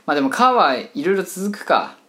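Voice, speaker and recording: A man co-hosting a podcast in casual chat, giving playful teasing quiz hints in drawn-out single syllables. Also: a little high, very animated, pushed and bright. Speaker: podcast co-host.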